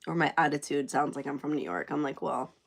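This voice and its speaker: Chatty low gravelly woman livestreaming. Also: fairly even intonation, fairly quick, background noise. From Canada. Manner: chatty, answers viewer comments, often trails off. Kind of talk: casual live-stream chat.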